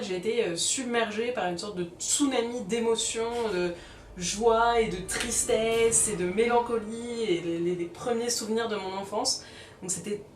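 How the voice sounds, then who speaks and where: A woman with a mid-range voice reviews films on her vlog, her tone conversational and explanatory, with slight background noise present. The talk alternates between scripted narration and easygoing chat. Faint music and a roomy, distant-mic sound color the recording.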